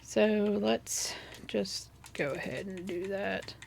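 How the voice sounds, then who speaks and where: A woman's voice: medium pitch, steady tone, takes it slowly, creaky, darkish tone, slight background noise. A middle-aged woman casually chatting through her gameplay, rambling and sometimes coaxing in-game animals in a sweet sing-song. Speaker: gaming YouTuber.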